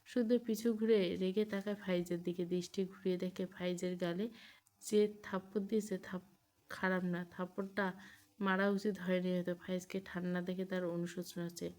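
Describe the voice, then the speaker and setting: Flat-voiced woman reading a romance story. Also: fairly low pitch, fairly quick. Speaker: audiobook narrator. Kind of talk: scripted narration of a romance story.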